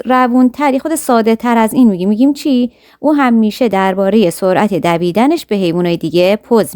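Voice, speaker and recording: Woman teacher reading slowly, explaining fast. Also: mid-range voice, a little mellow, dry recording, studio quality. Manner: reads English sentences slowly, explains in quick casual Persian. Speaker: English teacher. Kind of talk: bilingual story lesson, reading then explaining.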